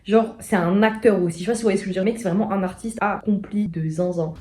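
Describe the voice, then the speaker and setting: A young woman talking casually to her viewers in a slangy vlog, swinging between loud remarks and murmured asides. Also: medium pitch, fairly even intonation, fast, a little hiss or hum. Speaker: vlogger.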